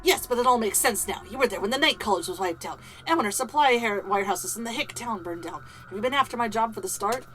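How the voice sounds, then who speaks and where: Woman playing an indignant, animated theater boss. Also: a little high, fast talker, hardly any pauses, faint music behind. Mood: accusing.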